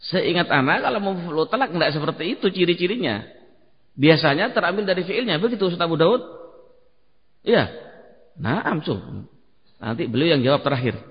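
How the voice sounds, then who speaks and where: Indonesian ustadz quizzing students in a hall. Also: male voice, fairly high pitch, expressive, normal speed, long pauses. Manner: quizzing and correcting students, mixing Arabic phrases. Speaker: ustadz teaching Arabic grammar. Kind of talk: classroom lesson with quizzing of students. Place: mosque hall. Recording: long hall reverb, dull lo-fi sound.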